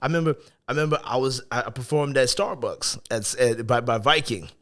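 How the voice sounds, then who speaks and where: A man's voice: mid-range voice, brisk, fairly bright tone. A young man from Zimbabwe, a guest musician, telling stories in a humble, grateful way on a casual podcast.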